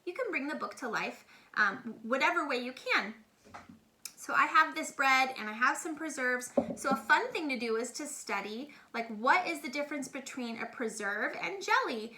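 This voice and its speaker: A middle-aged woman hosts a read-aloud for children, explaining things simply in a casual, enthusiastic way on a homemade recording. Her high-pitched voice is animated, bright and forceful at a moderate pace, with a little hiss or hum.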